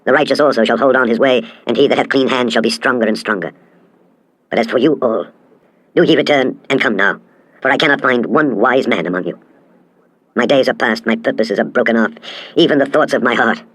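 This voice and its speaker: Guy reading the bible out loud real fast, solemn and declamatory, very dry close sound. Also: mid-range voice, no echo, low-quality recording. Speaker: scripture reader. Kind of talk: scripted dramatic Bible reading.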